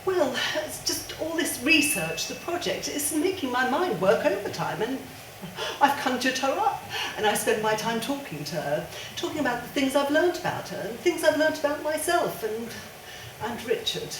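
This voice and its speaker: Actress playing a grieving widow, stage play, firm and emphatic, roomy sound from afar. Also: female voice, high voice, very animated, background noise. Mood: earnest. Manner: firm, emphatic, halting restarts. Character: spirited grieving widow Isabel, defiant. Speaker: stage actor. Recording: echoey stage sound from a distance.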